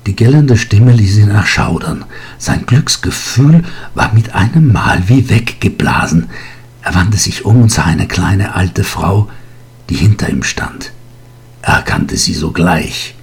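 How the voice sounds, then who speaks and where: A man narrating an audiobook story slowly and dramatically, often dropping to a whisper. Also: on the low side, vocal fry, darkish tone, slightly rough.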